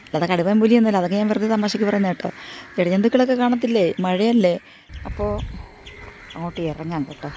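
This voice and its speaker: A woman walking a rural path on a casual vlog, hoarse from losing her voice, chatty and rambling as she repeats herself. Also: medium pitch, quick pace, pauses often, warm tone, a little hiss or hum. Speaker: vlogger. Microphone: phone front camera at arm's length.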